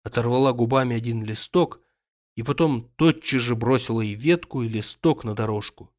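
A male narrator reading a classic novel with a measured, expressive delivery in a mid-range voice. The recording sounds a bit muffled and lo-fi. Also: medium pitch. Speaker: audiobook narrator. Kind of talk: literary audiobook narration.

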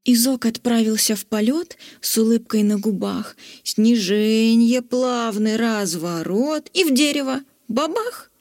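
A woman narrating a rhyming children's story in a lively, playful way. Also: on the high side, unhurried, hardly any pauses, dry recording, studio quality.

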